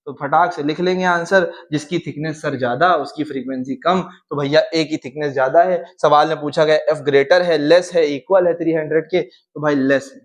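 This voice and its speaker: Lively, chatty young male physics teacher. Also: on the high side, normal speed, few pauses. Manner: lively, chatty and informal, mixes in English terms and playful asides. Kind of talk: exam-prep lesson.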